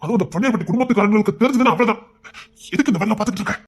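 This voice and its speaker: Man acting as a young rowdy, fast talker, husky voice, scolding, exasperated. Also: high voice. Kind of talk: amateur romance drama acting.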